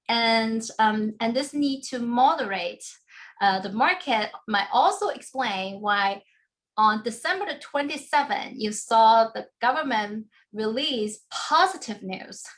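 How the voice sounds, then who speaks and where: A woman law professor giving a book talk with slides, explaining in a measured way and often checking in with "right?". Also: on the high side, animated, a bit bright. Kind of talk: academic lecture with slides.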